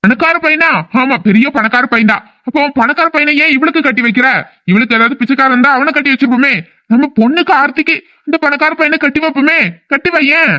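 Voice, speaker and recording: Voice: high-pitched, steady tone, fast, pushed and bright. Guilt-ridden cartoon father. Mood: angry. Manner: lamenting, self-blaming, then angry. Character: remorseful middle-aged father, guilty and grieving. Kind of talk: dubbed cartoon drama.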